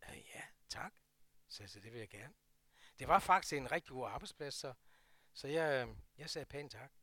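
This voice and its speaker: An older man with a Jutlandic Danish accent telling a personal story from his working life, swinging between loud bursts and hushed asides. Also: medium pitch, lively intonation, no echo, studio quality. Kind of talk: personal anecdote.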